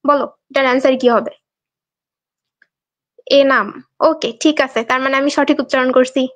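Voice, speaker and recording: A woman's voice: high-pitched, steady tone, moderate pace. A young woman teaching a live online exam-prep class, chatting and coaxing her students and reading out their answers. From Bangladesh.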